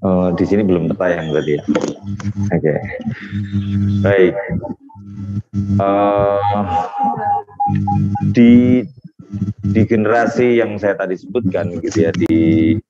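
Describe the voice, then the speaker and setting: A man in his forties with a very low voice gives a webinar talk to parents. He speaks in an unhurried, hesitant way and leans on fillers and tag questions. The sound is dull and lo-fi, as over a video call. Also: music in the background. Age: 40s.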